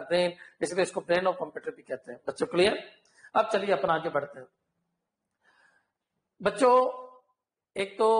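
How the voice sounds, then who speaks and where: A man teaching an online computer class, repeating key points and often asking his students whether it is clear. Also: high voice, echoey room, rough recording. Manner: repetitive, keeps checking "clear?" with students.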